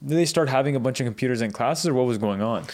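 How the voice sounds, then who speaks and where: A man hosting a podcast, friendly and curious, asking quick follow-up questions in a casual interview. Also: medium pitch, darkish tone. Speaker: podcast host.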